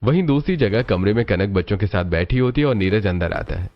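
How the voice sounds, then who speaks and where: Guy narrating a cartoon story, lowish voice, kinda dull muffled audio. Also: animated, fairly quick. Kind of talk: scripted narration.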